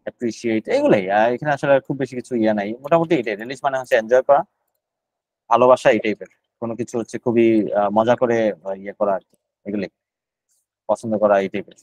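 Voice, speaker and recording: A man runs a live online GRE vocabulary class. He explains each word in a rapid, steady stream of Bengali with English terms and filler sounds mixed in, saying every word several times over. His voice sounds close and dry, with no room around it. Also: mid-range voice, no echo, low-quality recording.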